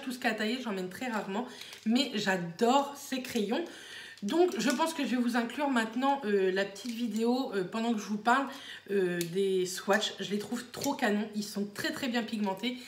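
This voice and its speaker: A woman's voice: on the high side, roomy sound. A woman beauty vlogger chatting casually to camera, rambling with many fillers, at home. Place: small room at home.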